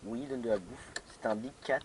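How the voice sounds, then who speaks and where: A man's voice: medium pitch, fairly quick, noisy background. Hesitant man commenting on his game. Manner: hesitant, many fillers and restarts, laughing to himself. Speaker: gamer playing a modded block-building game. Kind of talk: casual let's play commentary.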